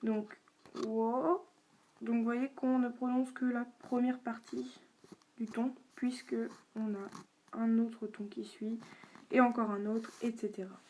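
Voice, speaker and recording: Slow, patient French-speaking woman teacher. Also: fairly high pitch, little pitch movement, darkish tone, a little hiss or hum. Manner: slow, patient, repeats sounds for the viewer to copy. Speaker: Chinese language teacher. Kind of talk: beginner video lesson.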